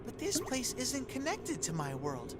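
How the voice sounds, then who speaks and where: Excitable, high-pitched boyish bear mascot. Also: female voice, unhurried. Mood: puzzled. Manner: exclamatory, childlike, dramatic. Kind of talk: video game voice acting. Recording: loud background noise.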